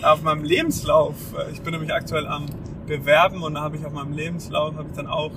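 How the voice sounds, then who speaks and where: Young man, low-bitrate podcast in noisy car. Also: flat delivery, quick pace. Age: 20s. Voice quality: low-bitrate, degraded audio. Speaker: podcast co-host, master's student. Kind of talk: casual podcast chat. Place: inside a car on the motorway. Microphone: off-mic, faulty setup. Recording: noisy moving car, distant faulty microphone. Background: road and engine noise.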